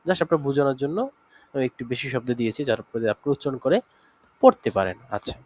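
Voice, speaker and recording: A man teaching an online language lesson, running through word examples slowly with fillers and check-ins. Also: mid-range voice, animated, a little mellow.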